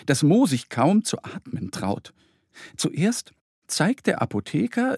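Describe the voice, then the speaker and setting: A man narrating a scripted children's audio story in a gentle storytelling manner. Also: a little high, breathy edge, no echo, studio quality.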